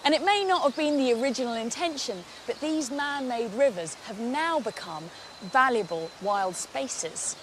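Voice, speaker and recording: A woman presenter with a fairly high voice speaks as host of a wildlife programme. There is some noise behind her. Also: lively intonation, normal speed. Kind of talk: wildlife magazine show presenting.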